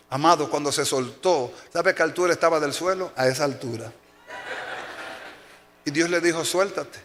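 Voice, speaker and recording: A man preaching a sermon as pastor, telling stories with acted-out cries and shouts. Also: a little high. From Dominican Republic. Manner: animated storytelling, acting out shouts and cries. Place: church sanctuary. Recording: long hall reverb.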